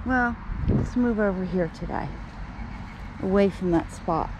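In a mid-range voice that's a little slow, a woman narrates her casual vlog while feeding wild birds on grass beside a road. She chats to the birds, grumbles about the locals, and holds her camera low, so traffic and birdsong come through.

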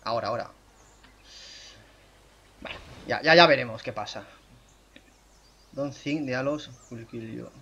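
A young gaming YouTuber gives casual, self-mocking gameplay commentary into a desk microphone, speaking at a measured pace with frequent pauses. He's chatty and bursts into excited high shouts. There's a little hiss or hum in the audio.

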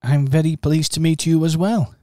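A man's voice: a little high, steady tone, moderate pace, mellow, no room sound, studio quality, lightly acted. A man voicing a polite, earnest male teddy bear in an amateur radio pantomime, talking in a slightly bewildered way.

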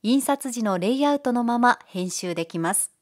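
A woman giving calm, polite, step-by-step narration for a software tutorial. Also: on the high side, normal speed. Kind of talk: scripted screencast narration.

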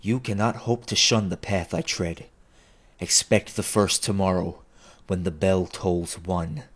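A man's voice: deep voice, steady tone, measured pace. A man voicing the anguished, remorseful ghost of a dead businessman in a storybook reading, declaiming in a solemn wail. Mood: solemn warning. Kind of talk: dramatic classic storybook reading.

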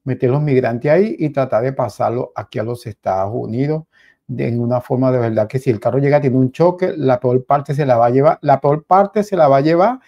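A man in his forties with a Venezuelan accent, giving casual news commentary from a small home studio on a headset mic, animated and repeating himself often. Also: medium pitch, brisk, muffled recording. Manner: animated, repetitive, addresses viewers as "señores".

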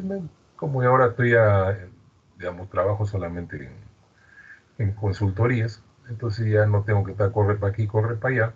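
A Peruvian man teaches an online class in a very husky, breathy voice that sits on the low side. He explains things in a chatty way and keeps checking in with his students. The sound is dull and lo-fi. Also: a little mellow. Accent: Peruvian Spanish. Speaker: university lecturer.

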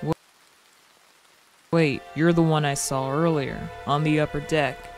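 Man playing creaky-voiced, flirty Jack Dawson. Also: on the high side, steady tone, unhurried, faint music behind, poor audio. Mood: concerned. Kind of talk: comedy skit acting.

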